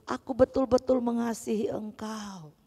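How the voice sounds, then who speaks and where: A woman's voice: a little high, steady tone, moderate pace, mellow, breathy edge. A woman voicing Simon Peter as an earnest, sorrowful male disciple who pleads his love in a children's Bible story. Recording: reverberant church hall.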